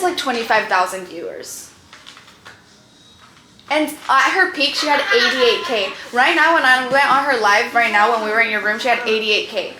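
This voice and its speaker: A woman's voice: on the high side, background noise. A woman vlogger chatting casually to a friend in a bedroom, telling a long story in a rambling way full of fillers. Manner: rambling, filler-heavy, lots of "like". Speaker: vlogger explaining internet drama to a friend. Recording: roomy echo.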